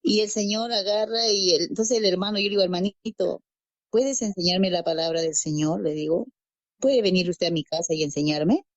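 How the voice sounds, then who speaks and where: A woman's voice: lowish voice, moderate pace, no room sound, dull audio. Woman from Peru telling her testimony. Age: adult parent. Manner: storytelling, acts out quoted dialogue, repeats phrases. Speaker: guest giving testimony. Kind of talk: personal faith testimony.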